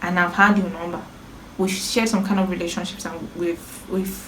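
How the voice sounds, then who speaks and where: A woman's voice: fairly low pitch, flat delivery, moderate pace, fairly bright tone. A young Nigerian woman chatting playfully with her brother, slipping into pidgin. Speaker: co-host. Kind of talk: casual chat. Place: outdoors. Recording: roomy echo, faint noise.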